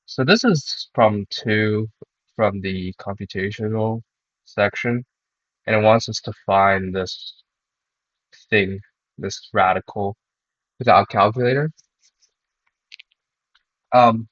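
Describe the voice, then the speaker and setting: A young man who is sick talks in a monotone, hesitant way, with many pauses and restarts, as he works through a math club problem. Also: fairly low pitch, no echo. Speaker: math club student presenter. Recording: dull dry recording.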